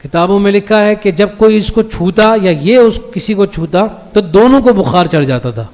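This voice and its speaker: A man teaching a class on the Quran in a mosque. He reads each verse slowly, explains it, and keeps checking that his listeners follow. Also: high-pitched, lively intonation, darkish tone. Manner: recites the Arabic verses slowly before translating them. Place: mosque hall. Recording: long reverb of a mosque hall.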